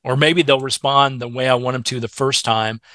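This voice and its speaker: A man's voice: mid-range voice, fairly even intonation, normal speed, pushed and bright, dry recording, clean studio sound. A man hosting a pet radio show, chatting with his guest and reading a promo in an upbeat way. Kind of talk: radio interview and promo read.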